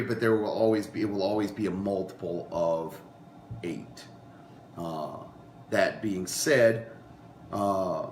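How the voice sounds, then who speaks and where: Slow-spoken man teaching a class in a roomy space. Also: fairly low pitch, slight background noise. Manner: unhurried, frequent ums and uhs, restarts. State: recovering from a cold, coughing. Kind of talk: informal lecture to a class. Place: meeting room with a class.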